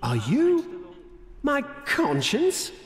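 An actor playing a pompous, cheerfully villainous British gentleman murderer in a cartoonish video game, with theatrical delivery. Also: very high-pitched, wildly swooping pitch, very slow, reverberant, faint music behind, heavily acted. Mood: puzzled, defiant.

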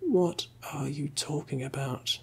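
A man's voice: fairly high pitch, animated, slow, a bit bright, husky, exaggerated voice. A man muttering as an exasperated wizard. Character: exasperated cowardly male wizard. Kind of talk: whispered role-play.

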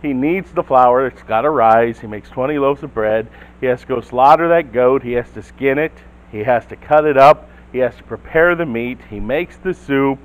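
A man's voice: mid-range voice, normal speed, hardly any pauses, rough recording. A man preaching a sermon as the church's pastor, telling a Bible story and putting questions to the congregation. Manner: storytelling, acts out quotes, asks the listeners questions.

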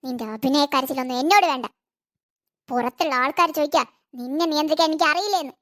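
A woman voicing a harsh, short-tempered mother in an animated cartoon, stern and sarcastic. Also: high-pitched, quick pace. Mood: stern, scolding.

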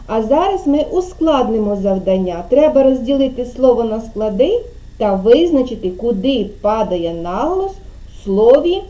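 A woman's voice: on the high side, sing-song, normal speed, warm tone. A woman kindergarten teacher giving an online speech lesson to a child over a video call, patiently drawing out syllables and prompting.

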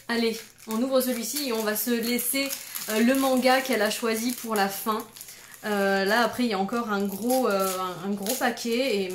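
A woman's voice: fairly high pitch, roomy sound, a little hiss or hum. A woman in her thirties gushing through an unboxing vlog, full of oohs and exclamations. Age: 30s. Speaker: YouTuber.

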